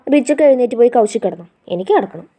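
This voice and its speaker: A woman's voice: a little high, expressive, racing, warm tone. A woman reading as a headstrong young bride. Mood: defiant. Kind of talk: storybook reading.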